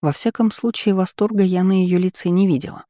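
Woman audiobook narrator, calm and even, mellow tone, dry close sound. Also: fairly low pitch, brisk, no room sound. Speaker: audiobook reader. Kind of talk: scripted first-person narration.

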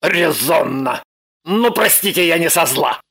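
Man voicing a husky bossy fugitive. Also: a little high, animated, a little slow, fairly bright tone, exaggerated voice. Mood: insistent, bossy. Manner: blunt, insistent and bossy. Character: pushy demanding man on the run. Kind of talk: audiobook character voice.

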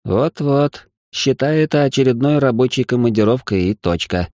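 A man voicing a loud, excitable male partner who scolds and bosses in an audiobook reading. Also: mid-range voice, moderate pace, no echo, clean studio sound, pitched above the performer's own voice, natural voice. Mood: bossy. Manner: shouting, exasperated scolding.

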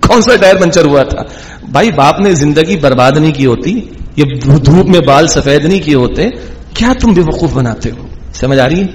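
A male scholar teaches a Quran commentary lesson, chanting verses slowly before explaining them with humor. His voice sits a little high. A long hall reverb trails behind every phrase. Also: a little hiss or hum.

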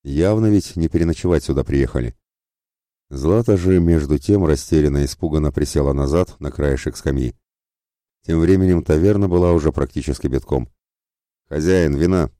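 A man narrating an adventure audiobook in a steady, measured storytelling manner. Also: very deep voice, dry recording, studio quality. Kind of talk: scripted narration.

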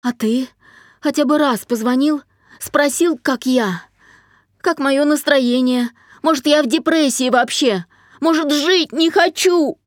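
A woman's voice: expressive, no echo, clean studio sound. A woman voicing a distraught young adult daughter who accuses her father and breaks into sobs, in an audiobook. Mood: tearful. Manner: shrill, rapid, breaking into sobs.

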